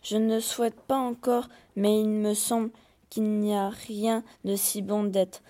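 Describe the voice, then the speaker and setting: A woman's voice: medium pitch, little pitch movement, unhurried, dark tone, lightly acted. A woman reading the part of an impulsive peasant wife in a fairy tale, plainly, with small hesitations. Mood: wishful. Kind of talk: read-aloud fairy tale dialogue.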